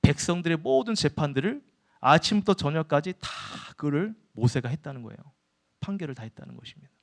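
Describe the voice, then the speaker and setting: A man's voice: fairly high pitch, very animated, a little fast, creaky. A man preaching a sermon in a church, often turning to his listeners with questions and answering them himself. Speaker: pastor.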